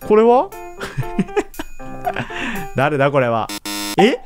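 A woman giving casual let's-play commentary, chatty and excitable, laughing often as she reacts. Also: deep voice, drawn-out words, faint music behind. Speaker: gaming YouTuber.

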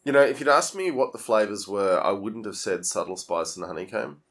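Low-voiced man hosting a casual chat. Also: brisk. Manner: relaxed, hesitant with many ums. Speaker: podcast host.

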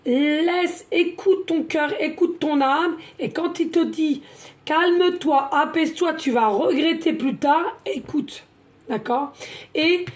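Chatty high-voiced woman reading cards. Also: a little mellow. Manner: chatty, repeats words, many fillers. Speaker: card reader, medium. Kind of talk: tarot card reading.

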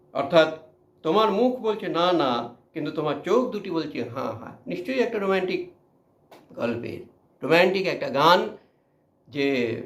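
A man with a slightly high voice, heard in an echoey room, teaches a literature class. He reads a passage aloud and then explains it line by line, using lots of fillers.

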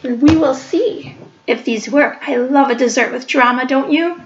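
A woman's voice: high voice, normal speed, a little hiss or hum. A woman, chatting through each step of a home cooking demonstration in her kitchen, recorded on a webcam across the counter. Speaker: library cooking show host. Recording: echoey kitchen, dull lo-fi webcam sound.

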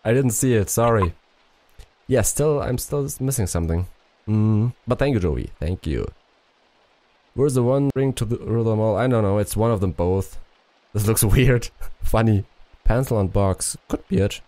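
A man's voice: fairly low pitch, animated, moderate pace, mellow, dry recording. A man streaming a puzzle game, muttering to himself and swearing casually as he plays. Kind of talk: casual live-stream commentary.

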